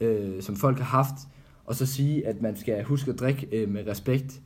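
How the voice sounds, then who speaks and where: A man co-hosting a podcast in relaxed, casual chat, pausing often with fillers. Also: lowish voice. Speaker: podcast co-host.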